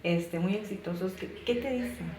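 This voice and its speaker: A woman's voice: mid-range voice, normal speed, darkish tone. A woman interviewer asking short questions and echoing her guest's words. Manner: brief prompts and echoing replies. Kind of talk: casual interview. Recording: echoey room, distant mic, noisy background.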